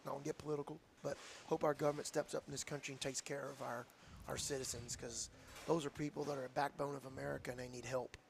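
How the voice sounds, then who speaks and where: A man's voice: medium pitch, little pitch movement, fast, creaky, few pauses, a little hiss or hum. A man, a football coach telling an earnest, heartfelt story in a radio interview. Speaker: high school football coach.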